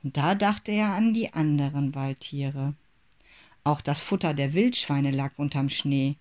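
A narrator reading a children's Christmas story aloud in a measured, expressive way. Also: medium pitch.

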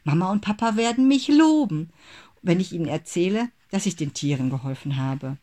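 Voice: mid-range voice, animated, normal speed, dark tone, lightly acted. A narrator voicing a kind, eager young rabbit boy in a storybook reading. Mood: earnest.

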